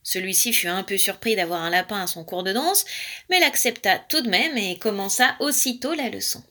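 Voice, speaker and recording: A woman reading a children's animal story aloud, expressive and lively. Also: mid-range voice, moderate pace.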